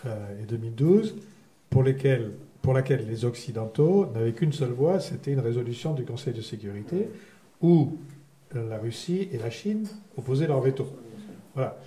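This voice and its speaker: A man with a mellow voice of average pitch gives off-the-cuff analysis on a panel. The recording has a clear room echo. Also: expressive, normal speed. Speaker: panel speaker. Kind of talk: unscripted analysis at a panel discussion. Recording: echoey room.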